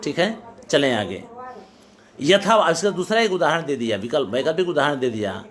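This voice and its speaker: A man's voice: on the high side, very animated, normal speed, fairly bright tone. A middle-aged male teacher lecturing on poetics, reciting classical verses and explaining them line by line.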